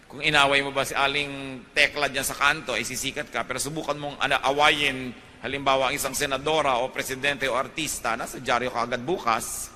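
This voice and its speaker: A middle-aged Filipino pastor preaches with a very bright, forceful tone that rises to emphatic peaks. His voice carries a long hall reverb from a large theater, with a faint bed of ambient noise underneath. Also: mid-range voice. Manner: preaching in Tagalog mixed with English, rising to emphatic peaks. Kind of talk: sermon.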